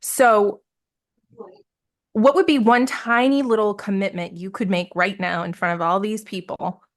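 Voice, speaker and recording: A woman's voice: medium pitch, fairly even intonation, unhurried. Upbeat woman coaching on a live call. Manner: upbeat, encouraging, laughs often. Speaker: business coach.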